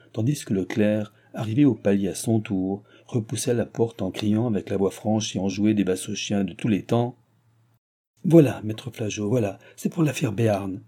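A man narrating a classic novel in a steady, measured audiobook reading. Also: fairly low pitch.

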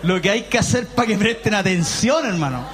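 A man with a Chilean accent preaching a lively sermon in a church hall, emphatic and often raising his voice, with joking asides. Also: high voice, fairly quick, crowd noise. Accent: Chilean Spanish. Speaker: pastor.

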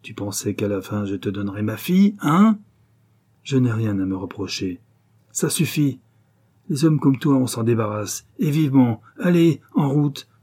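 A man voicing a stern, angry older father who shouts in outrage, with a hoarse low edge. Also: big pitch swings, moderate pace. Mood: furious. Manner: loud, harsh, outraged.

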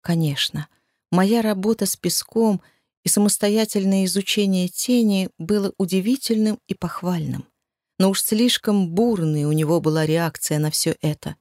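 A woman reading a first-person novel aloud, with an expressive, emotional delivery. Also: mid-range voice, normal speed, dry recording, clean studio sound. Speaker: audiobook narrator. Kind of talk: first-person audiobook narration.

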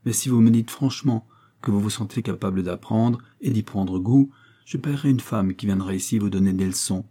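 A man reading aloud voices a vain, pompous middle-aged widow who scolds her niece haughtily, with sudden rises in pitch. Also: a little fast, mellow, husky. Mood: haughty.

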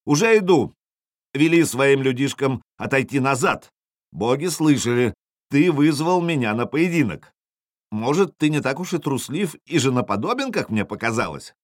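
A man voicing a boastful viking chief who shouts insults at his enemy. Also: mid-range voice, big pitch swings, normal speed, no echo, clean studio sound, voice pushed up. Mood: jeering shouts. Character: boastful mocking male viking chief, taunting.

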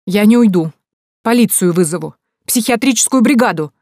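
A woman's voice: on the low side, normal speed, dark tone, no echo, clean studio sound. A woman reading an audiobook, voicing a stern, domineering middle-aged mother who scolds her grown son in an imperious way. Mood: hysterical.

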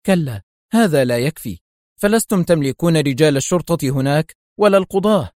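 A man voicing an indignant woman crime boss in an audiobook, sharp and fiery. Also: a little high, lively intonation, fairly quick, dry recording, clean studio sound, close to an everyday voice.

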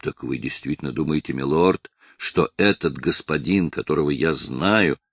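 A man's voice: very deep voice, normal speed, fairly bright tone, husky, no room sound, studio quality, pitched below the performer's own voice, exaggerated voice. Man voicing a blustering burly thief. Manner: blustering, threatening. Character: burly male pickpocket, bullying, sly.

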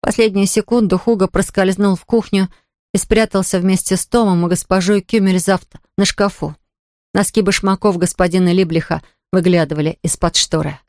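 A woman narrating a children's story aloud in a lively, expressive reading. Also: mid-range voice, normal speed, no room sound, studio quality. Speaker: audiobook reader.

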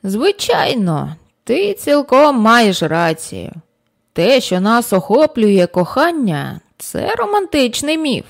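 A woman reading the part of a calm, patient old man in an audiobook, speaking slowly and gently as he explains. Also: on the high side, gravelly, voice pushed up, exaggerated voice. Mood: agreeing.

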